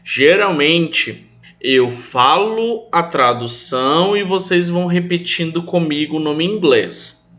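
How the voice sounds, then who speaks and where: A young Brazilian man teaching English to children online, calling his pupils affectionate names and drilling new words slowly for them to repeat. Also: on the high side, fairly bright tone. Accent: Brazilian Portuguese. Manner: affectionate, calls pupils "meus amores", speaks of himself as "tio".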